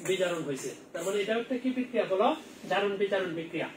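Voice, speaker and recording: A man's voice: high voice, racing, noisy background. A man teaching an online chemistry exam-prep class, firing questions at students and answering them himself. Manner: quizzing students and answering his own questions. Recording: roomy, distant mic with faint ambience.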